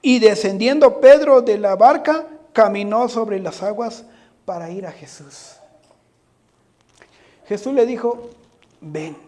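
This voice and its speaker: A man's voice: high voice, slow pace, pauses often, warm tone. Earnest male preacher asking the congregation questions. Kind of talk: sermon.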